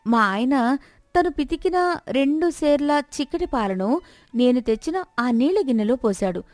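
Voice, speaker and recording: A woman voicing a clever young village wife who explains calmly and reproaches, in a dry recording. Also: sits high, moderate pace, dry recording, voice pushed up. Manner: calm, reasoning, then bitterly reproachful. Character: clever calm young wife, poor milkman's spouse.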